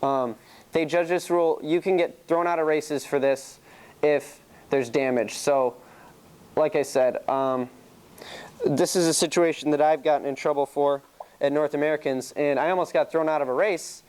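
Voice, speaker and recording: A man's voice: fairly high pitch, fairly even intonation, normal speed, a little mellow, clean tone. A young man giving a casual classroom chalk-talk on sailing rules, telling stories from his own races and laughing easily. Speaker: sailing team presenter.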